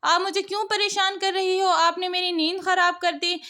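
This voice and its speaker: A woman's voice: very high voice, little pitch movement, normal speed, sharp tone. A woman voicing a cruel, shape-shifting young witch wife in a cartoon story. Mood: spiteful.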